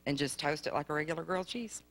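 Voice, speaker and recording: A woman's voice: deep voice, quick pace, a bit bright. A woman, a guest explaining a recipe in a plain, matter-of-fact way. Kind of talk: casual chat.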